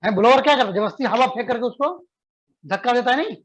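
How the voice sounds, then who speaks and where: A physics teacher with an Indian English accent, dictating notes slowly and repeating phrases, then explaining quickly and asking the class questions. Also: male voice, very high voice, fairly bright tone, low-quality recording.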